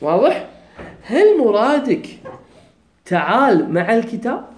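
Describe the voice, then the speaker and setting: A grammar teacher with a Kuwaiti Arabic accent walks his class through each point step by step, often stopping to make sure they understand. His voice is very high and sing-song, rising and falling animatedly. The classroom is echoey.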